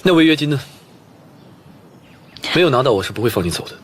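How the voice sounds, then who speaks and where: An actor playing a young male CEO who speaks in a clipped, dismissive way with a husky voice. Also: mid-range voice, expressive, fast talker, a little hiss or hum, natural voice. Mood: cool, curt. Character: cold, curt male CEO landlord, young adult.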